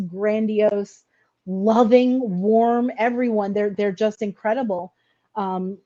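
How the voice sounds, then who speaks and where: A woman's voice: medium pitch, warm tone, lo-fi sound. A middle-aged woman telling a personal story in an interview, earnest and hesitant, often repeating words as she goes.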